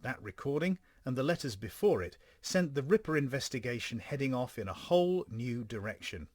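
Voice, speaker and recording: A man co-hosting a podcast, giving scripted true-crime narration in a measured storytelling delivery. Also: mid-range voice, sing-song, darkish tone, no echo, clean studio sound.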